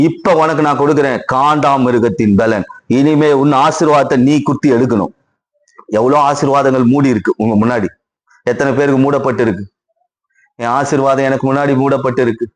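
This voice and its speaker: A middle-aged male pastor with a Tamil accent, preaching a Sunday sermon, repeating lines and asking the congregation questions. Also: medium pitch.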